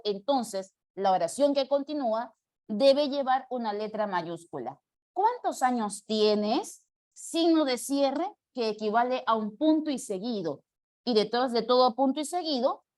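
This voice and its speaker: A woman's voice: on the high side, darkish tone. A woman teaching a live online language class, explaining patiently and taking student questions. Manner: patient, explanatory, reads questions aloud slowly.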